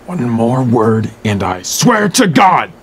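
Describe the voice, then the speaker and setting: A touchy, foul-mouthed little man who claims to be 510 years old, talking back gruffly in a live-action comedy film. His voice sits at an ordinary pitch, with a faint hiss of background noise. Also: big pitch swings, takes it slowly. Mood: awkward, touchy. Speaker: townsperson talking to the sheriff. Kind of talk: film dialogue.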